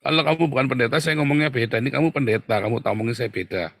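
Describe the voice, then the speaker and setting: A man preaching a sermon, animated and exclamatory, often calling out to his listeners. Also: mid-range voice, very fast, gravelly, no room sound. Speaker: preacher who counsels pastors.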